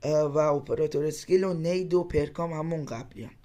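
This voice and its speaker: A man casually walking through game weapon loadouts, listing items in a relaxed, quick way. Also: a little high. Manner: relaxed, explains quickly in a list-like way. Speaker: gaming channel host.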